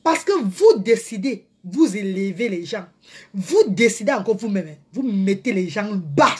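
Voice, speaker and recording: A woman doing a live rant to her followers, theatrical, slipping into mock crying and swinging from loud outbursts to hushed asides. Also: mid-range voice, lively intonation, a little slow, breathy edge. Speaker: social media personality.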